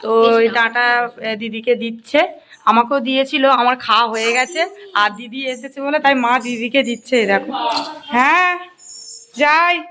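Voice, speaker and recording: A young woman, chatting to her viewers in a casual family vlog at home and calming a child as she films on her phone. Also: fairly high pitch, moderate pace, crowd noise. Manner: chatty, pointing things out to viewers, soothing a crying child. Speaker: family vlogger, mother.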